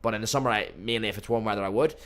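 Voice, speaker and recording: A man's voice: fairly low pitch, rapid-fire. A young man hosting a live football watchalong from his home streaming room, chatting to viewers and reacting to the match. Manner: chatty, addresses chat as boys and mate, bursts into excited match reactions. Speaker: livestream watchalong host.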